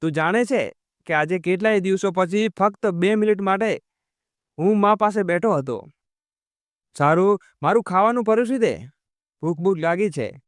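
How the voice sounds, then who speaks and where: A man voicing a patient, devoted grown son who speaks gently in a storybook reading. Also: sits high, normal speed, long pauses, dry recording, clean studio sound, natural voice. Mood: calm rebuke.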